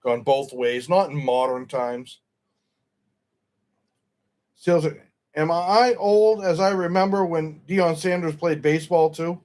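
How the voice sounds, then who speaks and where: A man's voice: fairly high pitch, slow pace, pauses often, a little mellow. A middle-aged man hosting a stream, chatting casually about football in a rambling, opinionated way and often correcting himself. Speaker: stream host.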